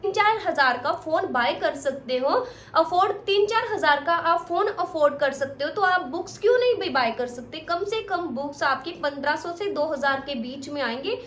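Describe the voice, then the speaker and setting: High-voiced woman giving blunt study advice. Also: animated, normal speed, a bit bright, slight background noise. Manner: direct, scolding, repeats points. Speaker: exam coach. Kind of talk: motivational study advice to students. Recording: echoey room with faint ambience.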